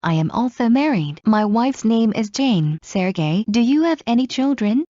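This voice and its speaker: A woman reading scripted English practice dialogues in a slow, clear drill delivery. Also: fairly high pitch, animated, mellow, no room sound. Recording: muffled lo-fi recording.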